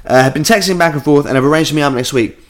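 A man's voice: a little high, rapid-fire. A man riffing loosely as a comedy podcast co-host. He rambles, restarts and slips into mock voices as he reads listener letters aloud. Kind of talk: casual comedic chat, reading listener letters.

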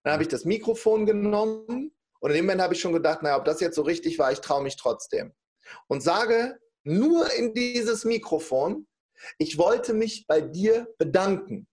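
A middle-aged man with a high-sitting voice tells a personal anecdote in casual conversation at normal speed. He's a lively storyteller who acts out the people he quotes.

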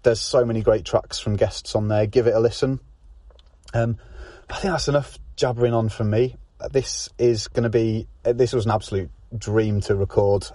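A man's voice: fairly low pitch, fairly even intonation, normal speed, dark tone, dry recording. A man hosting a podcast, recording a solo intro full of "um"s and enthusiastic praise. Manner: filler-heavy, enthusiastic. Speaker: podcast host.

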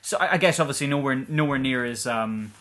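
A man co-hosting a casual film podcast, talking in an animated, rambling way. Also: mid-range voice. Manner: animated, rambling, quick to laugh. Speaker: podcast co-host. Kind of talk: casual film discussion chat.

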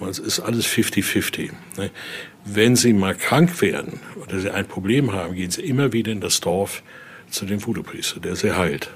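Speaking at a moderate pace in a low voice with a breathy edge, this man is a collector showing guests around his Voodoo altar exhibition. The tour is informal and full of stories, and he keeps adding little questions to the ends of his sentences.

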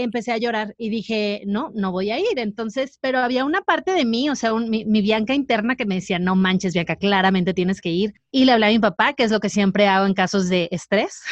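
A woman's voice: a little high, dry recording, muffled recording. A Mexican woman in her forties, a guest telling a personal story in casual chat and acting out the voices she quotes.

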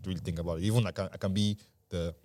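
A man's voice: low-pitched, steady tone, racing, darkish tone. A young man chatting casually in a group, emphatic and slangy, repeating himself for effect.

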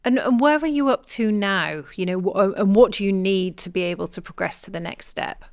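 A woman's voice: mid-range voice, brisk, no room sound. Direct female co-host, dry sound. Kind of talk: interview questions.

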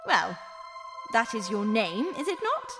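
A kind, gentle fairy godmother from a storybook, as a man puts her on, speaking in a hushed, measured way. Her voice sits a little high and rings with a long reverb. Music plays underneath. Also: wildly swooping pitch, full character voice.

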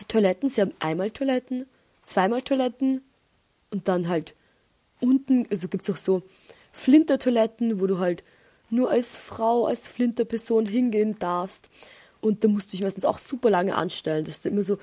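A woman's voice: mid-range voice, breathy edge. Chatty young woman with an Austrian accent. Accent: Austrian German. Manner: chatty storytelling with animated rants. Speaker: podcast host. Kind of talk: casual chat.

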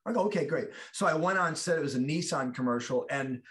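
A man's voice: a little high, fast talker, a bit bright. A middle-aged American actor chatting about his career, rambling with restarts and acting out the quotes in his stories. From United States. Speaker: actor, guest. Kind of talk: casual chat.

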